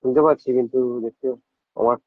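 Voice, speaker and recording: A man speaks quickly and politely over an internet call that keeps breaking up and dropping out. The sound is dull and lo-fi, with a dry, close feel and no room around it. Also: mid-range voice, fairly even intonation, husky, no echo. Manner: polite, repeating hello into a bad line. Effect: call audio breaking up and dropping out. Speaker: caller on a live stream.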